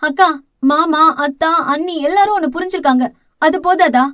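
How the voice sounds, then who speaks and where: Woman reader as an anxious younger sister, pleading and soothing, high voice, dry close recording. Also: normal speed, dry recording. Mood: worried. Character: frightened young woman, caring younger sister, college student.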